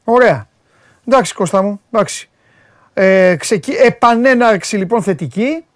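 A man's voice: high-pitched, animated, no room sound, studio quality. A man hosting a sports show, chatting casually, joking and repeating words for emphasis.

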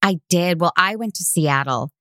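Woman, American accent, slightly low voice, opinionated podcast banter, teasing, dry recording. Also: moderate pace, pushed and bright, no room sound. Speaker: podcast co-host. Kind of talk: casual chat.

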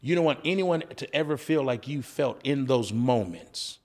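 A man's voice: mid-range voice, lively intonation, moderate pace, a little mellow. A man who is a former coach, talking as a podcast guest in an earnest, preacher-like way, often asking rhetorical questions. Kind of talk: conversational storytelling with preaching.

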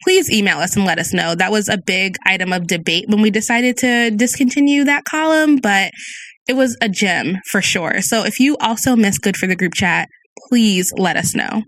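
Speaking at normal speed in a mid-range, slightly bright voice with no echo, a woman hosts a chatty solo podcast episode. She's friendly and conversational, has a soothing tone and a slight speech impediment, and reads listener reviews out loud.

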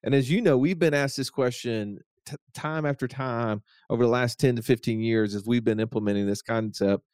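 Male podcast host, mid pitch, steady and relaxed, dry close sound. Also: moderate pace, clean tone, no echo. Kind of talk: casual chat.

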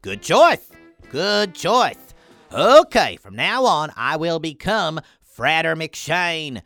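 A woman's voice: deep voice, big pitch swings, slow pace, fairly bright tone, no room sound, faint music behind, full character voice. A woman voicing a boastful alien sidekick who fancies himself a great actor, grand and bossy in a children's audio drama. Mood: grandiose.

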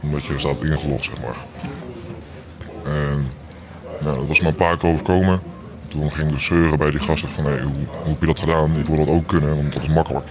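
A young man in his twenties, his voice disguised with an effect that makes it sound very deep. He talks hesitantly with many fillers. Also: steady tone, fairly quick, crowd noise. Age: 20s. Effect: voice disguised by pitching it down to sound very deep. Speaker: interviewed hacker. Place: small café.

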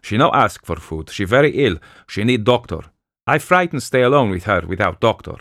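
A man's voice: on the low side, animated, a little fast, fairly bright tone, no room sound, studio quality, pitched above the performer's own voice. Agitated young maid, broken English , played by a male reader. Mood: indignant. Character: frightened young foreign maid, indignant.

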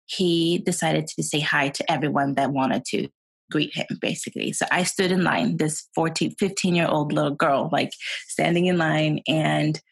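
A woman's voice: deep voice, fairly even intonation, moderate pace, gravelly, breathy edge. A young woman from Sweden, a guest chatting casually on a video call, laughing often and full of fillers. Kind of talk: casual interview chat.

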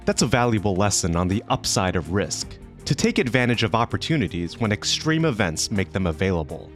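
A man's voice: lowish voice, sing-song, fairly quick, soft background music. A man hosting a podcast with scripted narration. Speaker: podcast host.

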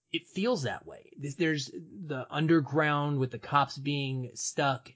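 A man's voice: medium pitch, dull audio. A man co-hosting a podcast, talking through a film in casual, enthusiastic analysis with earnest emphasis and frequent digressions. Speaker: podcast co-host.

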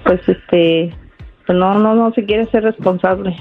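Woman, hesitant caller, halting speech, tinny phone line, faint music. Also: mid-range voice. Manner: hesitant, halting, many fillers. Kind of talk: phone call on live radio.

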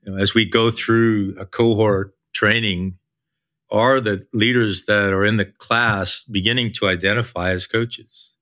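Older man, deep forceful voice, podcast host, informal coaching monologue. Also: fairly even intonation, unhurried. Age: older, baby boomer.

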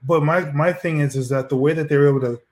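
A man's voice: on the high side, fairly even intonation, quick pace, darkish tone. A man co-hosting a casual chat, rambling and arguing his point with many restarts. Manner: rambling, argumentative, frequent restarts. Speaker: podcast co-host.

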